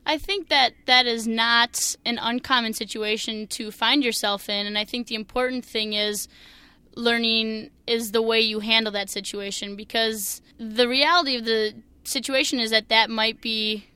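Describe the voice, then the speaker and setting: Minnesotan woman in her twenties, earnest, upbeat interview guest; smooth voice, close and dry. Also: fairly high pitch, moderate pace, no echo. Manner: energetic and earnest. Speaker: new teacher, interview guest. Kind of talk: interview answers.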